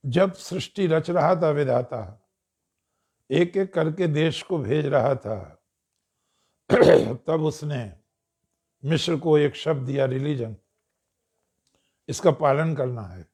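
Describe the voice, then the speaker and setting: Telling stories to an audience, this man speaks measuredly in a fairly high, slightly mellow voice, clearing his throat from time to time.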